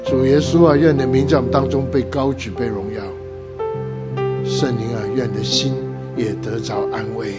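A pastor leading a fervent, repetitive prayer and then a sermon. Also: male voice, medium pitch, fairly even intonation, normal speed, dull audio, loud music behind the voice.

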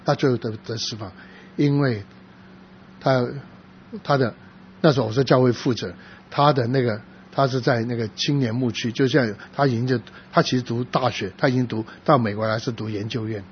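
Male pastor, sermon storytelling, halting delivery with restarts, mid pitch, dull lo-fi recording with faint hiss. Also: steady tone. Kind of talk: sermon testimony.

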